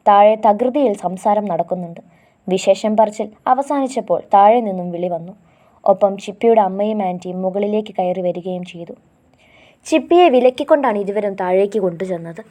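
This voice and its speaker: A woman narrating a love story in a soft, even storytelling voice. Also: mid-range voice.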